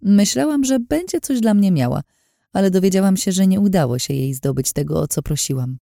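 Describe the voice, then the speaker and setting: A woman's voice: mid-range voice, lively intonation, fairly quick, creaky, warm tone, dry recording, studio quality, pitched above the performer's own voice. A woman voicing a scheming, mocking woman in an audiobook, smug and threatening, in a taunting sing-song way.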